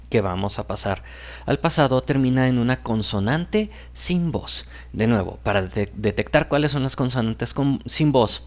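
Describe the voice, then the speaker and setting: A man whose first language is Spanish, teaching English grammar in a patient explaining style and often checking that the listener follows. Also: medium pitch.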